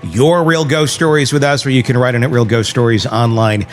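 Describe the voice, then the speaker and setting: A man's voice: mid-range voice, steady tone, brisk, music in the background. A man co-hosting a podcast in casual chat, rambling, restarting his sentences and laughing often. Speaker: podcast co-host.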